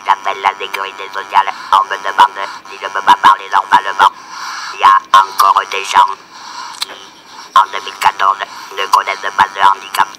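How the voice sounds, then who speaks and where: A man's metallic robot voice, made with an electrolarynx, answers interview questions. It is low, very flat and buzzy, with a hard forceful edge and faint noise behind. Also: moderate pace, low-quality recording.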